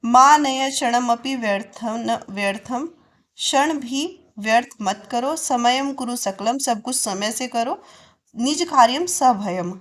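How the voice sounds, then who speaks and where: A woman's voice: fairly high pitch, takes it slowly, fairly bright tone. A woman teacher, reading Sanskrit lines aloud and then explaining each one in a lesson.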